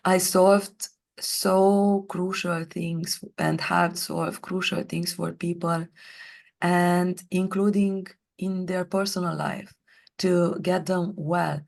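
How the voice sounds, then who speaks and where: A woman with a hoarse, worn voice that sits low in her range, speaking as a guest on an interview podcast. She takes her time, placing each phrase slowly and deliberately. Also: a little mellow. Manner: deliberate, slow careful delivery. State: hoarse, voice partly lost. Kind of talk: conversational interview.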